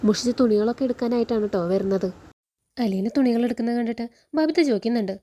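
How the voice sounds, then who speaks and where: Woman, Kerala Malayalam accent, serial recap storyteller; quick, chatty, mellow tone, slightly high. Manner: chatty, adds a friendly particle to each sentence.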